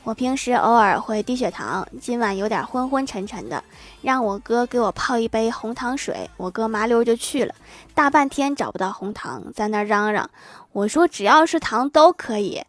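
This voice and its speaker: Bright-voiced woman reading jokes. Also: fairly high pitch, normal speed, soft background music. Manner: chuckles at her own punchlines; animated delivery with punchy raised lines. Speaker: podcast host. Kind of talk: reading jokes on a comedy podcast.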